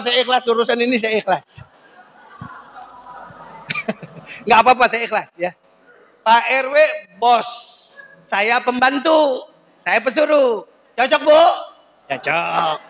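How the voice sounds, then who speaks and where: Very high-pitched joking male preacher. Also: pushed and bright, rough recording. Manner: joking, teasing the congregation, laughing often. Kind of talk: humorous sermon. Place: mosque.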